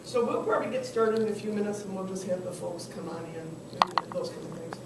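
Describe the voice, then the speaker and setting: Brisk and creaky at a medium pitch, a woman consultant who is losing her voice runs a business workshop, chatting and quizzing the class. The far camera captures her from a distance in a noisy, echoey room.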